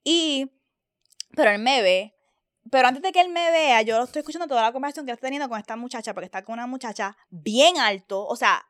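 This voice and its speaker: A woman's voice: high voice, lively intonation, a little fast, fairly bright tone, no room sound, studio quality. A young woman with a Puerto Rican accent, co-hosting a podcast as casual chat, telling stories with animation and switching into English phrases. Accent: Puerto Rican Spanish. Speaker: podcast co-host.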